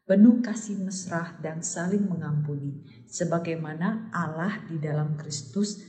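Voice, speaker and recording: A woman slowly and deliberately reciting a Bible memory verse. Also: sits low, mellow, reverberant, in a large hall.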